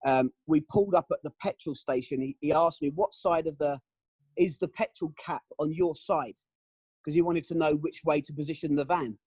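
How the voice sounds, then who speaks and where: A middle-aged man giving candid, emotional testimony in an interview, often pausing with "um" and "you know". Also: fairly high pitch, darkish tone, breathy edge, no room sound, rough recording. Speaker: interview guest.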